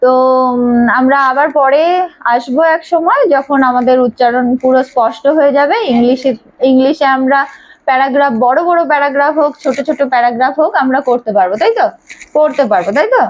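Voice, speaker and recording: Her voice sits high and moves fairly quickly on a muffled recording as this English teacher patiently repeats each sound over and over. She is giving a spoken pronunciation lesson to a small class in a classroom with a board.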